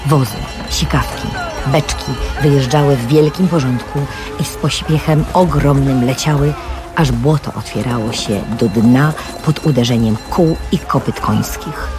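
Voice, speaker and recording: A man's voice: mid-range voice, unhurried. Man reading literary narration over music. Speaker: audiobook reader.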